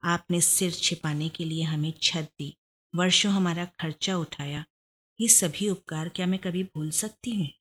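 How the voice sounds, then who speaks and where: A woman's voice: steady tone, unhurried. Woman doing a humble, grateful old mother. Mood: grateful, moved. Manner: subdued, lower, choked softness.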